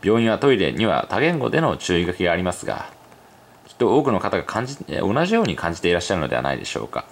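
A man with a lowish voice reads an article aloud at a quick clip, his pitch rising and falling a lot. When he steps away from the text, he thinks out loud and his talk fills with hesitations and small fillers. It sounds like a casual commentary on a personal channel. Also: sing-song, creaky. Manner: reads at a brisk clip, then muses aloud with many fillers. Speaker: YouTube commentator. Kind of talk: reading an online article aloud with spoken asides.

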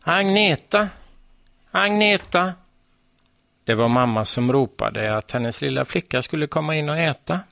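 A man calmly reading a children's story aloud as narrator. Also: mid-range voice, gravelly, few pauses, no echo, faint music behind. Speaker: story reader.

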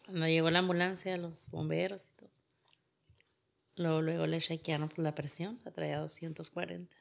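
A woman's voice: sits low, level tone, normal speed, gravelly. A woman, a podcast guest telling a painful personal story and retelling what everyone said. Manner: retells events with much reported dialogue.

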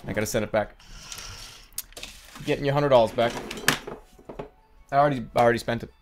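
A man's voice: mid-range voice, brisk, faint music behind. A man doing comedic gameplay commentary as a streamer, incredulous, exasperated and sweary. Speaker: gaming streamer.

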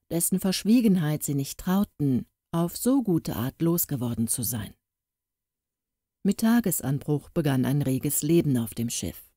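Warm, expressive woman narrating. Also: low-pitched, no room sound, clean studio sound. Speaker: audiobook narrator. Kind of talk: scripted narration.

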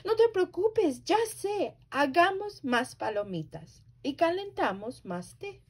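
A woman voicing a small, helpful mouse in a storybook reading, with a high eager squeak. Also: very animated, takes it slowly, full character voice. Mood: reassuring.

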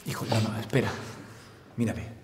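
A man's voice: lowish voice, normal speed, background noise, natural voice. An actor playing a firm, protective father. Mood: resigned. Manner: firm, reassuring, takes charge. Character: detained adoptive father, protective and resigned. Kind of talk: telenovela acting. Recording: roomy with long reverb.

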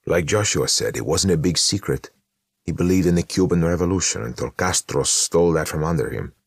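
A man's voice: deep voice, fairly quick, vocal fry, no echo, clean studio sound, voice pushed up. A man voicing a blunt, needling brother who smokes, in an audiobook. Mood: bitter. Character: blunt, slouching middle-aged brother, chain smoker. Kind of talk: audiobook narration.

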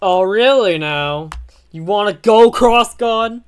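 A man voicing an angry young male hero who shouts at a villain. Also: a little high, very animated, slow, full character voice. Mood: outraged. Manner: shouting, outraged. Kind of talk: amateur voice acting on a livestream.

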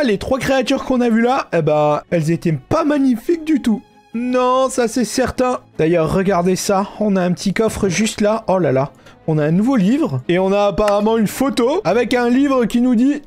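A young man with a French accent giving excited commentary on a Minecraft horror map, full of startled shouts and exclamations. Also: sits high, normal speed, soft background music. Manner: loud exclamations, frequent startled "oh!" outbursts. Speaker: gaming YouTuber.

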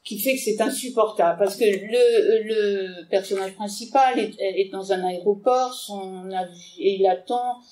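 A woman giving an animated book talk to an audience, with hesitations as she summarizes the plot. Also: medium pitch, measured pace, hardly any pauses. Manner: animated, digressive, with frequent hesitations. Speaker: literature lecturer. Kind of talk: book talk with read-aloud excerpts. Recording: echoey room, mic far off.

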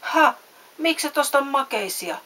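A woman voicing a sly, lying boy who bullies and steals, loud and taunting. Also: high-pitched, expressive, pitched above the performer's own voice. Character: sly bullying boy, a thief and liar. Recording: faint hiss.

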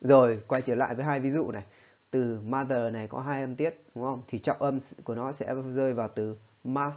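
Man, teacher, patient explaining, mid-pitched, slightly muffled recording. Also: steady tone, a little fast, a little mellow. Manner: patient, explanatory, often checks in with listeners. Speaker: English teacher. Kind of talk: spoken lesson.

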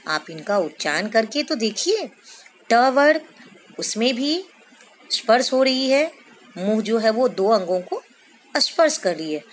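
A woman teacher explaining a lesson slowly to children, stretching out sounds and examples. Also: on the high side, big pitch swings, a little hiss or hum. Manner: slow, explanatory, addresses children, drawn-out syllables. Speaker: school teacher. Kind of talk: recorded classroom lesson.

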